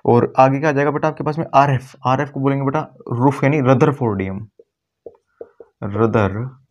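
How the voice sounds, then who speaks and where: Guy teaching chemistry to his students, drags out key words, repeats stuff, mid pitch. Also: brisk, dull audio. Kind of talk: classroom lecture at a board.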